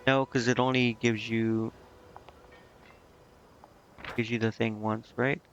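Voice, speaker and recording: A video game streamer, a man, offers casual gameplay commentary in a medium-pitched, level voice, taking it slowly. He muses aloud and questions himself while reading menus, recorded on a muffled lo-fi mic with clear background noise and faint music behind.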